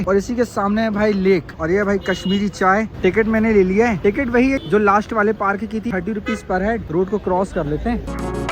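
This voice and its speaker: A man filming a casual travel vlog outdoors on a phone, chatty and addressing viewers as brother. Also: high-pitched. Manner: chatty, often says "bhai" to viewers. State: slightly tired from climbing. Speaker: travel vlogger. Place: outdoors in parks and streets.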